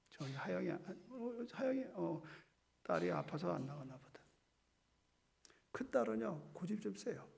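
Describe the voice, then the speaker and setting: A middle-aged man preaching a sermon as pastor. He acts out Bible dialogue and swings between loud lines and hushed ones. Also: high voice, gravelly, husky.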